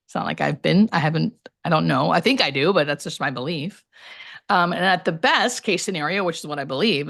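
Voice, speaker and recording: A woman's voice: fairly low pitch, creaky, a bit bright. A woman talking casually and candidly as a hospice nurse being interviewed, telling personal stories in a rambling way with emphatic asides.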